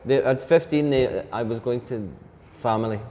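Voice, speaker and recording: A Scottish man in his fifties, head of an English department, chats casually as an interview guest. He deliberately speaks slowly and clearly in a mid-range, dark-toned voice. The recording has long reverb and faint background noise.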